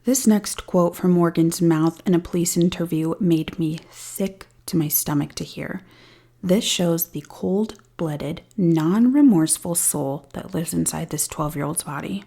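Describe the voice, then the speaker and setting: A woman's voice: on the low side, a little slow, creaky, warm tone. A woman hosting a true crime podcast, retelling a case with dry, sarcastic asides. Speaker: podcast host. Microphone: studio-style podcast mic.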